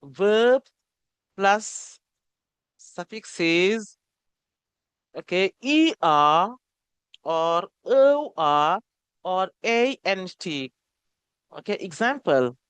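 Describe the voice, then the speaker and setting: A woman teaching an English grammar lesson, who repeats each word slowly and keeps saying okay. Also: mid-range voice, expressive, fairly bright tone, clear, resonant tone, dry recording.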